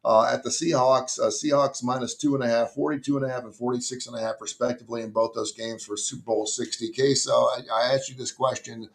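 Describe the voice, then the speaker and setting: A man's voice: medium pitch, steady tone, quick pace, creaky, hardly any pauses. A man in his fifties hosting a sports talk show, loose and jokey, with frequent restarts and chuckles. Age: 50s. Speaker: sports radio host.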